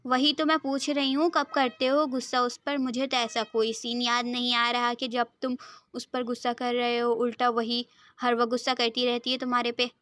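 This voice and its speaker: A woman's voice: fairly high pitch, flat delivery, normal speed, fairly bright tone, no room sound, lightly acted. A woman voicing a doting, forgiving middle-aged mother who speaks in a soothing, reassuring way, in a dry recording. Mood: soothing, teasing.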